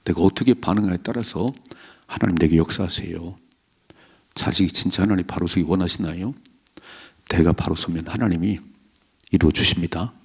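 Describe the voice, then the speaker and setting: A man's voice: low voice, moderate pace, vocal fry, long pauses, husky. A male pastor giving an early morning sermon in a conversational preaching manner, acting out the voices of people in the story.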